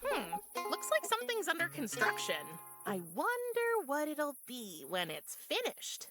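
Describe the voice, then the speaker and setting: A woman's voice: sits high, wildly swooping pitch, measured pace, over music, heavily acted. An actress voicing a dry, sardonic young girl in a video game, wry and unimpressed.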